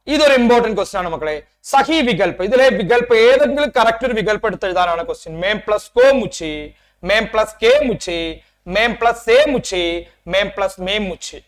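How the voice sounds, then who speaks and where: A man teaches an exam-prep Hindi lesson in a fairly high voice. He reads the text out slowly and carefully, then turns to his students with a stream of quick check-in questions, calling them "children". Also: fairly bright tone. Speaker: Hindi tutor.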